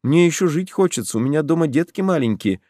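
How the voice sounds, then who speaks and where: A man doing a high, pleading hare. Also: lively intonation, fast, mellow, dry recording, studio quality. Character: frightened hare pleading for its life. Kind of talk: audiobook narration.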